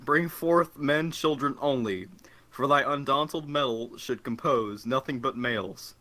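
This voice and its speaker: Plotting nobleman, read by a man, bright and sharp, stiff amateur recitation. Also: medium pitch, measured pace. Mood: resolved. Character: wavering nobleman plotting a murder. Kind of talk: amateur reading of a classic play.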